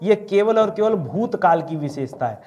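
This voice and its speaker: A man's voice: sits high, animated, normal speed, darkish tone. A man teaching a grammar lesson online, who keeps asking the class a question and answering it himself, repeating key terms as a drill. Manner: asks a question and answers it himself, calls listeners friends.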